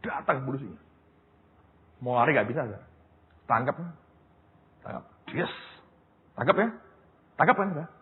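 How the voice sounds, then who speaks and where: A man preaching a sermon as pastor, telling stories in a lively way and often turning to his listeners as brothers and sisters. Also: mid-range voice, measured pace, long pauses. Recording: tinny phone-like sound, long hall reverb, faint noise.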